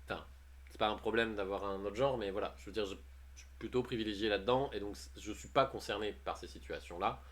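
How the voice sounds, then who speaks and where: A man's voice: on the low side, quick pace, fairly bright tone. Chatty, jokey man streaming live. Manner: chatty, jokey, often laughing; reads posts aloud and comments on them. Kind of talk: casual livestream commentary.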